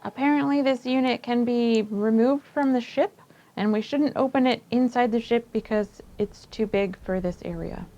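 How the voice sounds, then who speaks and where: A woman's voice: a little high, normal speed, dark tone, dull audio, soft background music. A woman chatting casually as a tabletop game player, asking questions and talking through her options.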